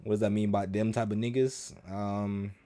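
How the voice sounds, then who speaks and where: A man with a fairly low voice reacts to a video on stream. He talks casually, cracks crude jokes and laughs often between comments. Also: level tone, normal speed, dark tone.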